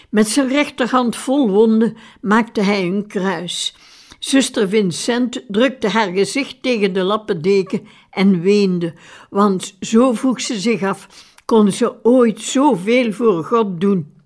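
A woman reading a biographical story aloud in a calm, measured way. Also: mid-range voice. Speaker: narrator. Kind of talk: scripted audiobook narration.

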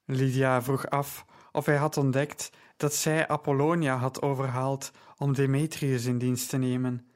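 A man narrating an audiobook in a calm, deliberate reading voice. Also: medium pitch.

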